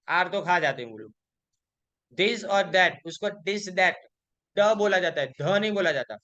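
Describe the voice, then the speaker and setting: A man with a high voice lectures through exam revision. His tone is bright and clear. He puts a question to the class and answers it himself, and he slows down to read out English examples. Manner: explains in mixed Hindi and English, asks questions and answers them himself; reads English examples slowly. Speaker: college lecturer.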